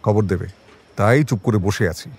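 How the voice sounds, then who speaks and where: In a crime audio drama, this man plays a sharp, jaded senior detective, his lines coming out measured, dry, and conversational. His voice leans low with a breathy edge.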